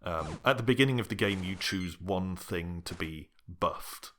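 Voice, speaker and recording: A man narrating a casual game review in a measured, explanatory way, often pausing with "um". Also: low voice, a bit bright, slight background noise. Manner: measured, explanatory, with frequent ums.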